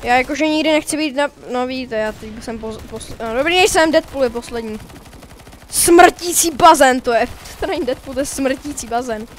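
A man giving casual, rambling commentary while playing a shooter game, excitable and swearing now and then. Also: very high voice, few pauses, a little hiss or hum. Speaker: gaming video creator.

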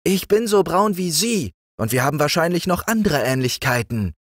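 A man voicing a timid, eager young frog king in a storybook reading, in a raised, excited voice. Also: fairly high pitch, moderate pace, no room sound, studio quality, voice pushed up.

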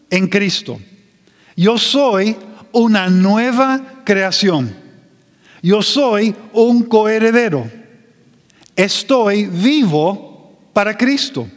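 A man preaching a sermon as pastor, slow and emphatic, drawing out his phrases. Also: high voice, long reverb tail.

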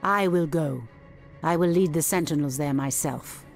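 A night elf high priestess, firm and commanding, in a low voice for a woman. Her lines come as proud declarations, like a game cutscene. Soft music sits under her. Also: normal speed, vocal fry. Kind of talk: video game cutscene voice acting.

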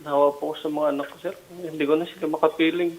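A man's voice: on the high side, little pitch movement, quick pace, slight background noise. A man with a Filipino accent speaking over the phone in a subdued, pleading way. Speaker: accused father. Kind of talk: phone interview. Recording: tinny phone line.

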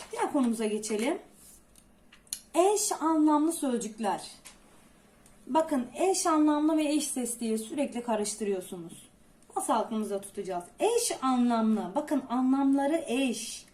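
Teacher lady with a high voice, asking questions and answering them herself, explains things slowly. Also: darkish tone. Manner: asks many rhetorical questions; slow, stressed explanations. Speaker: Turkish teacher. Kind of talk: classroom lesson.

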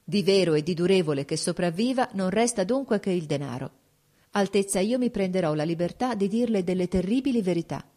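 A woman's voice: fairly low pitch, expressive, fairly quick, dark tone. A woman reading an audiobook, voicing a shrewd, composed court duchess who speaks frankly and persuasively.

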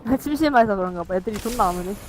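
A woman's voice: medium pitch, expressive, very fast, a little mellow, a little hiss or hum. A woman playing an online game and chatting casually with a teammate, brash, reactive and often swearing. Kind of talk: casual gaming chat with a teammate. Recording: clear game music behind the voice. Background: game music.

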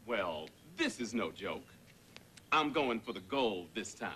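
A man's voice: lowish voice, sing-song, slow, exaggerated voice. A man playing a boastful cartoon twin who brags and sings about his throwing technique. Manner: cocky, bragging, sings his lines. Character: boastful cartoon twin brother Tweedle, show-off. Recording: studio voice with loud music behind.

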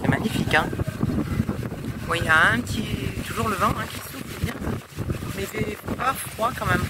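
A woman's voice: medium pitch, moderate pace. A middle-aged woman chatting casually through a travel vlog, hesitating often, a little out of breath from walking. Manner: chatty, with frequent hesitations and laughs. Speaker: travel vlogger. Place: outdoors in a windy hilltop town. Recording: loud wind noise on the mic.

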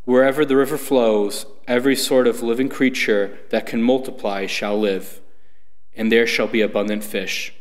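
A middle-aged man reading scripture and psalms aloud at Mass in a formal, deliberate way. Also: mid-range voice, fairly even intonation. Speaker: lay reader at Mass. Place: church sanctuary, standing at lectern. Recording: echoing church with long reverb.

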